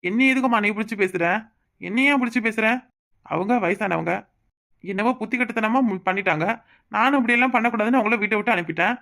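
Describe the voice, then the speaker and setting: A woman's voice: mid-range voice, fast, a bit bright, close to an everyday voice. A woman playing a grumbling village husband. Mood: defensive. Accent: Kanyakumari Tamil. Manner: defensive, exasperated. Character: grumbling village husband, middle-aged man. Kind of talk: cartoon voice acting.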